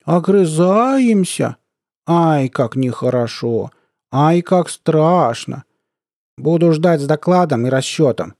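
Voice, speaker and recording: A man putting on a squeaky, cooing army colonel. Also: expressive, normal speed, mellow, no echo, studio quality. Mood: cooing mockery. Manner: lisping, squeaky cooing baby-talk; mocking, taunting. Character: mocking, sly middle-aged male army colonel.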